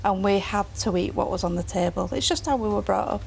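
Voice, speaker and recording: A woman's voice: medium pitch, fairly quick, creaky, slight background noise. A woman giving a personal account in a plain-spoken, down-to-earth way. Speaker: phobia sufferer and guest.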